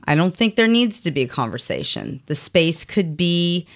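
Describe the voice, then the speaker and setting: Lively woman with a low voice. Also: normal speed. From Puerto Rico. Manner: animated, acts out quoted voices, laughs often. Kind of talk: casual chat.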